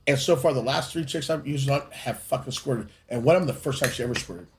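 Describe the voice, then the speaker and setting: A man's voice: medium pitch, quick pace, a little hiss or hum. A man co-hosting a podcast, talking in crude, boastful, casual banter. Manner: profane, boastful, animated. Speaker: podcast co-host. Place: studio room with a couch.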